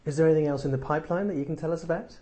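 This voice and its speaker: A man's voice: fairly high pitch, rapid-fire, mellow. A man interviewing a guest, chiming in with brief, friendly questions and prompts.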